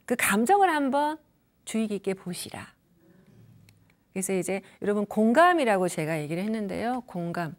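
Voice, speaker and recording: A middle-aged woman counselor giving a lecture on communication, acting out quoted parents and children and dropping to a whisper for emphasis. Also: mid-range voice.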